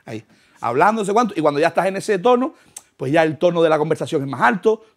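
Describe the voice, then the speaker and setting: Comedian guy telling a funny story, gravelly voice, does little voices. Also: a little high, fast talker. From Canary Islands. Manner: animated, acts out voices, laughs through lines. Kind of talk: comic storytelling monologue.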